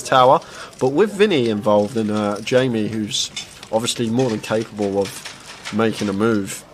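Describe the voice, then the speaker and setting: Low-voiced British poker commentator. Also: male voice, background noise. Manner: analytical, breaks strategy down hand by hand.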